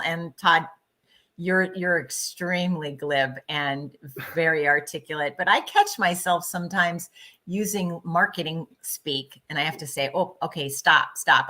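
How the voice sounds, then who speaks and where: A woman's voice: on the low side, bright, forceful tone. A woman hosting an online interview, articulate and steering the conversation. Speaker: host. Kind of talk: casual interview chat.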